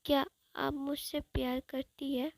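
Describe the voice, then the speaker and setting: A woman's voice: high voice, little pitch movement, unhurried, vocal fry, a little mellow, no echo. A woman voicing a hurt, sulky young man who longs to be loved by his family. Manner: sulky, pleading.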